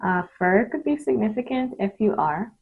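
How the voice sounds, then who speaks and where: A woman giving an improvised mystical tarot reading straight to the viewer, speaking in short, halting phrases with pauses between them. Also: mid-range voice, animated, vocal fry, husky, narrow, tinny audio. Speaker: tarot card reader hosting readings.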